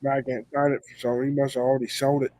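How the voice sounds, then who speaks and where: A man's voice: medium pitch, level tone, fast, dark tone, no echo. A man telling a story in casual chat, in a folksy, drawling way.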